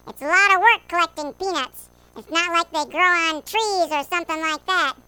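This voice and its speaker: An adult performer voicing an excitable young squirrel puppet in a children's Bible lesson skit, telling a story in a bubbly, animated way with punny asides. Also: very high voice, moderate pace, no echo, full character voice. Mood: chatty.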